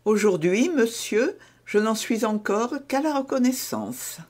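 A man's voice: very high voice, lively intonation, a little slow, voice pushed up, full character voice. A man with a French accent voicing an anxious, secretive young woman in an audiobook, pleading and urgent. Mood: teasing. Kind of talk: audiobook reading.

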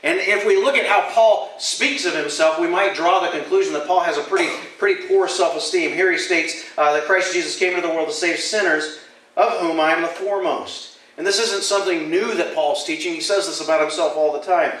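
A man preaching a sermon, animated and given to self-deprecating humor. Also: on the high side, a little fast. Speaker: pastor. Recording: echoey church hall, mic at a distance.

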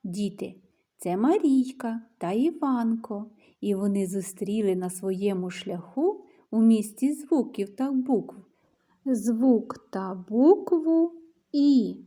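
A woman's voice: mid-range voice, lively intonation, a little slow, dark tone. A woman teacher giving an early reading lesson to young children, patiently coaxing them to name and sing sounds.

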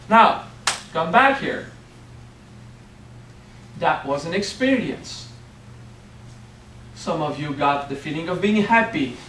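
With lively intonation and drawn-out words, this fairly high-pitched middle-aged man pauses often while teaching. He's a French-accented spiritual teacher in a playful workshop, checking in with "okay?", heard from far off on a camera in an echoey hotel meeting room with background noise.

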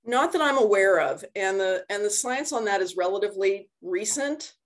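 Expressive and at normal speed, a woman's mid-range voice carries this casual video call lecture, captured on a computer microphone. The university lecturer goes through slides and answers, explaining conversationally through everyday analogies.

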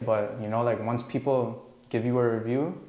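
A young man from Canada, a barber talking in a relaxed, casual way as a guest on a studio interview, on a lapel mic. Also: medium pitch, normal speed, lo-fi sound. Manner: laid-back, relaxed, leans on "like" and "bro". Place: studio set, indoors. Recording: echoey room.

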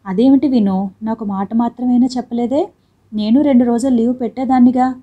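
A woman's voice: fairly high pitch, steady tone, moderate pace, narrow, tinny audio, close to an everyday voice. A woman reading the part of a proud young working wife who argues back sharply and indignantly.

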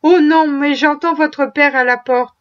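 A poor mother speaks softly, steadying her family through grief, as a woman narrator gives her voice. The tone is high and gentle. The recording is dull and lo-fi. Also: steady tone, a little slow. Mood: tender.

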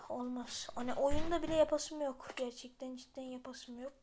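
A woman giving casual gameplay commentary, muttering to herself and then yelling in panic. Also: high-pitched, fairly even intonation, normal speed, slight background noise. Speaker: gameplay video maker.

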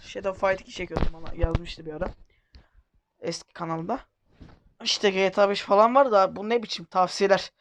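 A man's voice: high-pitched, fairly even intonation, fairly quick, background noise. A man hosting a casual let's-play, rambling, joking and correcting himself as he goes. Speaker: gaming video host.

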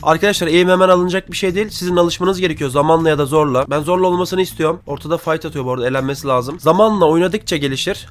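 Fast-talking young man, freshly woken. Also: on the high side. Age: 20s. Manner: excitable, slangy, chatty with viewers. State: just woke up, voice rough and thick. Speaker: gaming video creator. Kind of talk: casual gameplay commentary.

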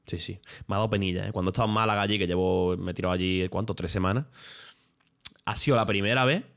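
A young man streams and tells stories in casual chat, animated and full of slang and swearing. His voice is deep and his pace quick.

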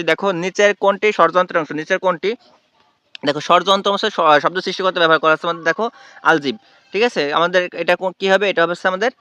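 Man, tutor, high bright voice, quick delivery, repeats questions then answers them, dull lo-fi sound. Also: no room sound. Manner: repetitive questioning of students, answers own questions. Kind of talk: exam-prep lesson. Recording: dull lo-fi recording.

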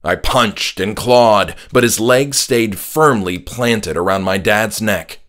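A man reads his own horror audiobook slowly in a low, fairly bright voice. He performs it in a dramatic, scripted manner while music plays.

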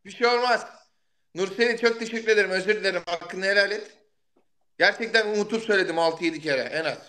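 A man hosting a casual live stream, loud and excitable, shouting thanks for gifts and swearing casually. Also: sits high, fast. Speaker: livestream host.

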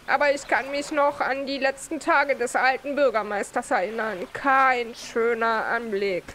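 Grieving fisherman father in a video game, read by a woman, subdued, slow, fairly high voice, faint noise behind. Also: fairly bright tone. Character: grieving middle-aged fisherman father, mournful.

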